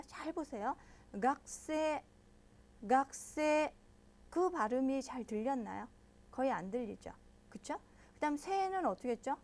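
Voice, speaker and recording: Brief: bright high-pitched female teacher, patient, walks learners through each point. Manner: patient, explains step by step and checks in with listeners often; models pronunciation slowly and loudly. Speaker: Japanese language teacher. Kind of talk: online language lesson.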